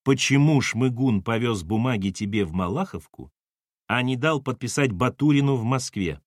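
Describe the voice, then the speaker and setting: A man voicing a calm, methodical man who questions everyone, in an audiobook. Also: mid-range voice, no echo, clean studio sound, close to an everyday voice. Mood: questioning. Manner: measured, dryly questioning.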